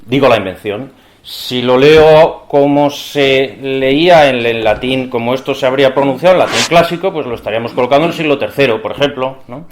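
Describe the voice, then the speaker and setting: A man's voice: mid-range voice, a little fast, echoey room. A man giving an academic conference lecture, talking in a discursive way and often asking the audience rhetorical questions.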